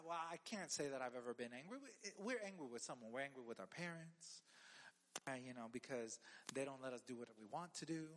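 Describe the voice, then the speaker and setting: Guy preaching to young folks, pretty high voice, animated, acts out the quotes. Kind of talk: sermon.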